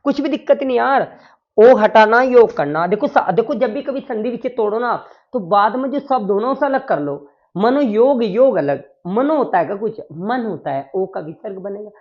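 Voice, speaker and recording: A man's voice: high voice, lively intonation, moderate pace, muffled recording. A man teaching a Sanskrit grammar lesson, drilling the class with repeated questions and answers.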